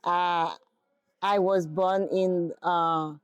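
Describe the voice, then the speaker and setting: Middle-aged Haitian woman, non-native English, slow and halting, lowish voice, dry close sound. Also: fairly even intonation, clean tone, no echo, muffled recording. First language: Haitian Creole and French. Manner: hesitant, searching for English words. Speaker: interviewee. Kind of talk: casual interview.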